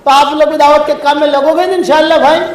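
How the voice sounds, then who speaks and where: A man preaching a religious sermon, telling stories in drawn-out phrases and repeatedly asking his listeners to promise. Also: very high-pitched, steady tone. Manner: storytelling with slowed, drawn-out phrases. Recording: echoey room.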